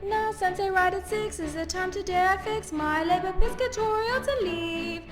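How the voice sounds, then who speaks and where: An actress singing as an irritable, stubborn angler in comic operetta patter. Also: female voice, extremely high pitch, normal speed. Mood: irritated. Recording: loud music over the voice. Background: loud musical accompaniment.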